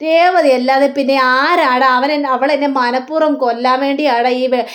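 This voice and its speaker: Woman doing bitter old mother-in-law, accusing, complaining, high voice, serial retelling. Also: fairly even intonation, normal speed, close to an everyday voice.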